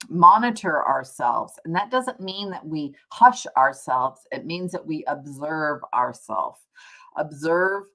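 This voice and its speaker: Despite poor audio, you can hear a woman with a low voice and a fairly bright tone. She's running a casual tarot livestream, reflecting out loud with her viewers and rewording as she explains.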